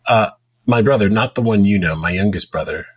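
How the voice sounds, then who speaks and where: Husky low-ish guy hosting a podcast, rambles through stories. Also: brisk. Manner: rambling anecdotal storyteller. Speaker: podcast host. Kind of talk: casual podcast chat.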